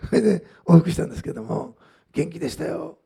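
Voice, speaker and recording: A man's voice: high-pitched, animated, quick pace, creaky, warm tone, breathy edge. A man preaching a sermon in a conversational way, with frequent asides and fillers as he tells a testimony. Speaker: pastor.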